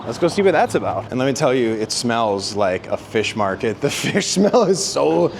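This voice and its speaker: A man filming a casual travel vlog while walking around a city waterfront and a busy market, talking excitedly with lots of fillers. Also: medium pitch, normal speed, vocal fry. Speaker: travel vlogger. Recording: loud street and traffic noise.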